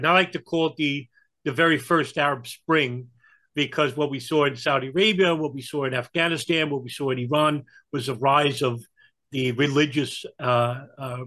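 A man's voice: mid-range voice, fairly bright tone. New York man explaining in conversation. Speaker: interview guest giving political and historical commentary.

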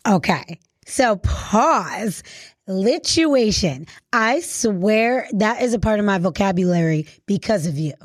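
A woman with a medium-pitched, expressive voice speaks slowly as she hosts a radio interview. Her style is casual, slangy and celebratory, effusive and admiring in an informal way. The audio is studio quality with no echo.

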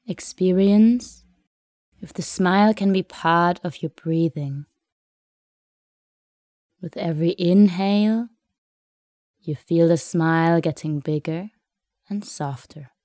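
A woman leads a guided meditation in a soft, soothing voice. Her delivery is very slow, with long pauses between phrases. The tone is dark and mellow, captured in a close, dry sound. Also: fairly low pitch, no echo.

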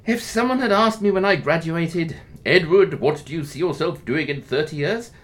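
A man's voice: a little high, expressive, normal speed, natural voice. A man acting in an audio drama as a bored, wry middle-aged researcher with a polite, evasive manner.

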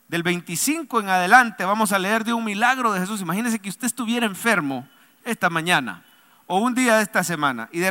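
A male pastor preaching a sermon, leading the congregation to answer him aloud and swinging between loud emphatic lines and soft low asides. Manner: preaching with call-and-response to the congregation. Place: church sanctuary. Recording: long reverb of a large hall.

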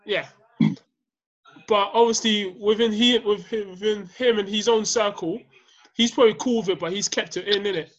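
High-voiced young London roadman. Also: fairly even intonation, normal speed, dull audio. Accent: London, urban street slang. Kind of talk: casual group discussion.

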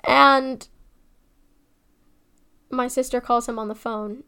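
A young woman telling a personal family story, emotional and shifting between hushed and excited. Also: on the high side, measured pace. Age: young adult.

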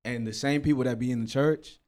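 A man's voice: medium pitch, fairly even intonation, quick pace, a little mellow. A man, a guest musician, telling a story in casual slangy talk, laughing often. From Florida.

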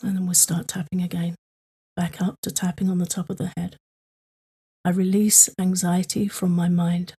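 Here a woman offers soothing, repetitive cues at a slow pace to guide a tapping meditation for sleep. Her voice is low and mellow, very airy and breathy, with an even, flat delivery.

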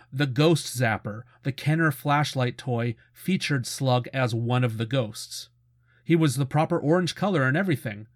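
Speaking at a medium pitch, a middle-aged man hosts a show looking back at cartoons, mixing casual information with a fan's conversational eagerness. The voice-over is recorded close and dry, with studio quality.

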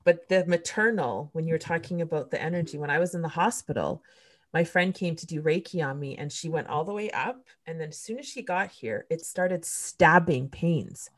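Host, female, deep register, candid emotional storyteller, casual and blunt. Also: moderate pace. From Canada. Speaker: podcast host. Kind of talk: casual conversation.

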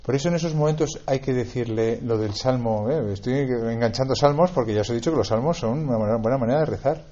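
A priest from gives a homily in a chatty, conversational way, often tagging his sentences with questions and stumbling over repeated words. His voice is dark and husky. The recording is dull and lo-fi. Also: mid-range voice, fast talker.

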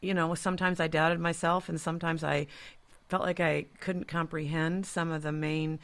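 A woman's voice: low-pitched, flat delivery, moderate pace, vocal fry. A woman hosting a podcast, talking in a reflective, earnest way and often murmuring agreement. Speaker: podcast host. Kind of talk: conversational podcast talk.

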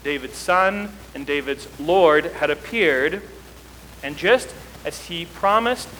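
Male pastor, bright higher voice, long church reverb, conversational preaching. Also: lively intonation, takes it slowly, a little hiss or hum. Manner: conversational preaching, rising emphasis. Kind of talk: sermon. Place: church sanctuary.

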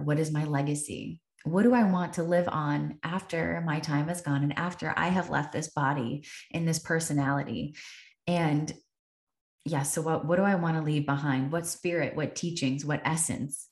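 A woman's voice: low voice, moderate pace, darkish tone. A woman hosting a podcast, telling a personal story in an earnest, reflective way and repeating phrases for emphasis. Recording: echoey room.

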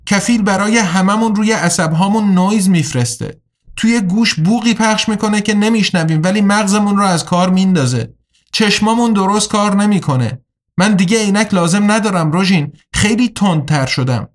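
A quick-witted, determined young woman in an audiobook, put on by a man. She speaks earnestly and urgently, noticeably higher than the narrator's own voice. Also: close to an everyday voice.

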